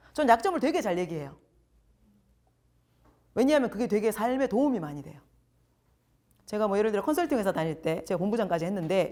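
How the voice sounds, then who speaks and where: A middle-aged woman coach giving a lively lecture in a large hall, acting out quoted people and firing questions at her audience. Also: a little high. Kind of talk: lively lecture to young adults.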